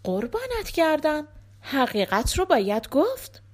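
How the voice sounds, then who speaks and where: A woman's voice: high-pitched, huge pitch swings, pitched above the performer's own voice. Woman voicing a wise, firm merchant's wife. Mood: calm.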